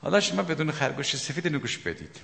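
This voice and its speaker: A man preaching a sermon, emphatic, swinging between loud outbursts and hushed asides. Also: fairly high pitch, expressive, vocal fry, slight background noise. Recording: long hall reverb.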